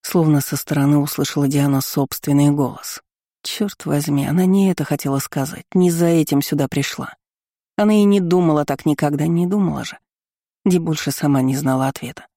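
An audiobook reader narrating a story in an expressive, even, measured way. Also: mid-range voice, dry recording, clean studio sound.

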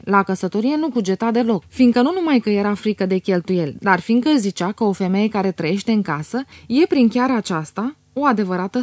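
Brief: female audiobook narrator, measured literary reading, dry close mic. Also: medium pitch, darkish tone, dry recording. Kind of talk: scripted narration.

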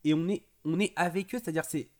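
A man's voice: on the high side, fast, a little mellow. Enthusiastic man reviewing a film. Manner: enthusiastic, restarts phrases often. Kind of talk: casual film review chat.

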